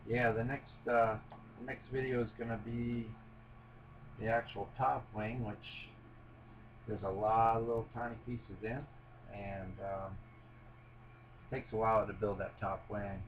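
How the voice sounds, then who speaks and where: A middle-aged hobbyist with a lowish, flat voice rambles casually to camera while building a Lego set at a table at home, a cat nearby. He talks a little slowly with long pauses, lots of fillers and restarts, and pokes fun at his own mistakes. The audio is dull, with a little hiss or hum.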